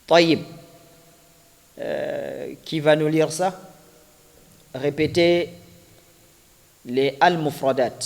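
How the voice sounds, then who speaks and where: A man with a high voice teaches a class, taking his time and repeating each example. He quizzes his students as he goes. His voice carries a long, hall-like reverb. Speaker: Arabic teacher. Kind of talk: classroom lesson explaining grammar.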